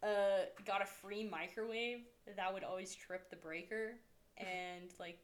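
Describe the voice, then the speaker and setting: A woman talking casually with a friend, blunt and loose, swearing freely and laughing between points. Her voice sits at an ordinary middle pitch. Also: fairly even intonation, a little slow. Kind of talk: casual chat.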